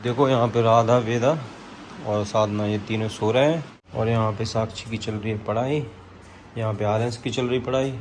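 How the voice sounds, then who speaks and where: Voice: mid-range voice, steady tone, moderate pace, slight background noise. A Bundelkhandi-accented family vlogger playfully teasing children at home, laughing often. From Bundelkhand, India. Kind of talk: playful home vlog, playing shop with children.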